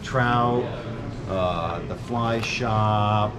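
A man's voice: lowish voice, drawn-out words, over a noisy crowd. A man hosting a casual walk-and-talk video outdoors, chatting playfully and rambling as he shows off his gear. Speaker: host. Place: outdoors by a creek. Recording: loud outdoor noise.

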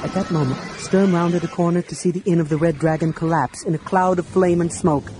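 A man's voice: fairly high pitch, steady tone, fairly quick, soft background music, low-quality recording. Man reading a fantasy audiobook. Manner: voices characters with shouts and hushed whispers. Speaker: audiobook narrator.

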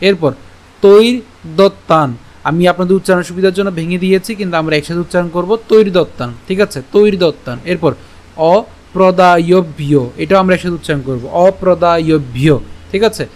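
A man teaching Sanskrit verse pronunciation in an online lesson, breaking words into syllables slowly and checking with rhetorical questions. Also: high-pitched.

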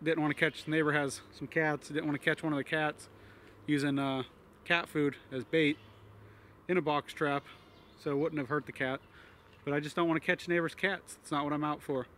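A homesteader vlogger with a slightly higher voice gives a casual walkthrough of his building site, relaxed and matter-of-fact, pausing on fillers along the way. He's recorded outdoors on a handheld camera with faint outdoor ambience and a little hiss or hum.

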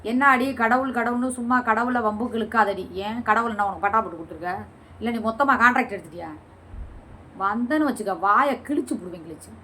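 Woman firing back at commenters, sarcastic and scolding, bright sharp voice, bit of faint noise behind. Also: on the high side, quick pace. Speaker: vlogger answering viewer comments. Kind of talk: heated reply to comments.

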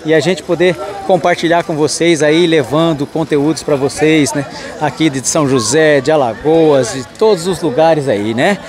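A man's voice: on the high side, normal speed, crowd noise. A man from Mato Grosso do Sul filming a walking tour of an outdoor street market, greeting vendors and thanking his followers. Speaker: market vlogger.

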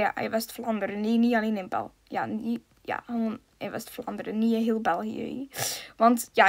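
A woman with a Flemish accent giving casual gameplay commentary, chatty, giggly and rambling. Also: fairly high pitch. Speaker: gaming video maker.

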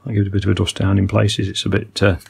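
At his indoor workbench, a gravelly older man walks through a hands-on repair, racing along in a lowish monotone. He is an electronics hobbyist, musing and technical, with many ums and uhs.

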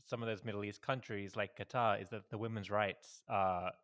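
A man co-hosting a podcast chats casually into a podcast microphone over a video call. His voice is fairly low and fairly bright, with fairly even intonation at a normal speed. He is agreeable and keeps offering repeated short affirmations.

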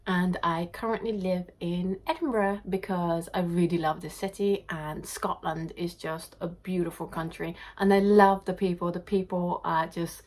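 A Japan-born woman in her thirties sits in her home art studio, casually answering viewer questions to a camera at desk distance in front of her, reading each one aloud before replying candidly. Her voice is fairly low and a little mellow, with fairly even intonation, a moderate pace and few pauses.

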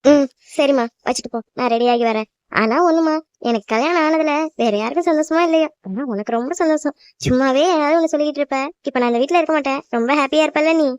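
This is cartoon voice acting: a woman plays a young bride, a loving daughter who chats with her mother, teasing and reassuring her. She speaks fast in a high voice, only lightly acted, with no echo.

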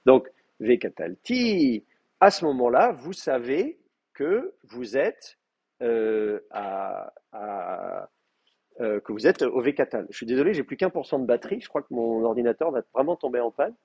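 A man's voice: medium pitch, expressive, normal speed, darkish tone, slightly rough, no room sound, dull audio. A man giving a live university classroom lecture, explaining with hesitant, stop-start delivery and frequent restarts. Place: classroom with in-person and remote students.

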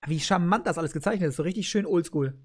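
A man's voice: a little high, fast. A man casually commenting as he starts a video game, musing aloud and chatty. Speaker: let's play host.

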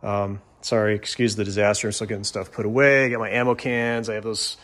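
A man casually narrating his own home renovation, relaxed and rambling with frequent ums. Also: on the low side, a little fast. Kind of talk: casual narration over DIY footage. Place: garage under renovation.

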